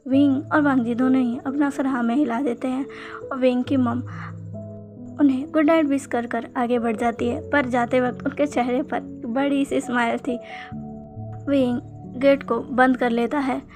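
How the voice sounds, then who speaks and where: Brief: female storyteller, high voice, faint music bed, reads all parts the same. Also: darkish tone. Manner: reads every character in much the same voice. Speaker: fanfiction narrator. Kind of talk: storytelling narration with character dialogue. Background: faint background music.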